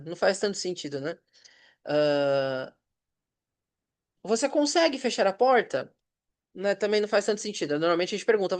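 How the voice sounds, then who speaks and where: A high-voiced Brazilian man who teaches English, speaking with a Brazilian Portuguese accent, records a patient review lesson. He reads example sentences slowly and checks in with short questions.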